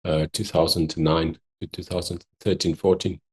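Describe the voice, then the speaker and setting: A middle-aged man with a South African accent speaks in a very low, husky voice. He is a podcast guest, talking in a casual, conversational way. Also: flat delivery, normal speed, a little mellow. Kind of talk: casual chat.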